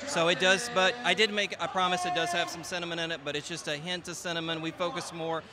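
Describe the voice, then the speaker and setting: A young man with a slightly high voice talks quickly about a product. It is casual interview chat with a busy crowd around him. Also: flat delivery. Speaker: vendor being interviewed. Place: trade show booth indoors. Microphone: handheld microphone held by interviewer. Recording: busy crowded convention hall.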